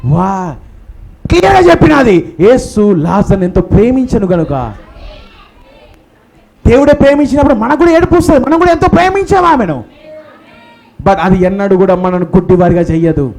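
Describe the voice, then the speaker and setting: A man's voice: high-pitched, sing-song, moderate pace, pauses often, darkish tone. A man preaching a sermon at a church memorial service, emphatic and firing rhetorical questions, with English phrases mixed in.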